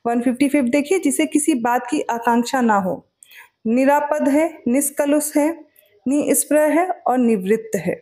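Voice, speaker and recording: A woman with a high voice works through exam answers as a teacher. She moves at a brisk clip and keeps asking her students questions before she answers them herself. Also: mellow.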